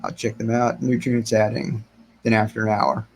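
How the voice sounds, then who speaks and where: In a small room full of plant shelves, a middle-aged man chats casually on a gardening livestream, reading viewer comments aloud and answering them. His voice is lowish and slightly raspy from long talking, at normal speed, and the poor audio has slight background noise; he's relaxed and rambling, restarting often, using fillers, and gesturing with his hands.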